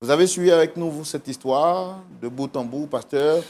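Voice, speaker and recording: A man's voice: a little high, normal speed, darkish tone. Man hosting a TV show. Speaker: talk show host. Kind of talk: TV talk show hosting with preaching.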